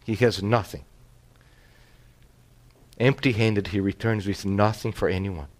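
A man preaching a sermon as pastor. He swings from hushed, near-whispered lines to loud, rising passages and repeats phrases for emphasis. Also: lowish voice.

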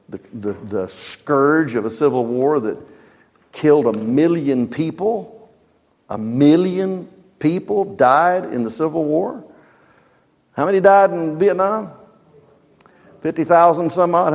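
An older man preaching a Bible study sermon in a folksy, conversational way, growing animated when he tells stories. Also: a little high, moderate pace, creaky, big-room sound.

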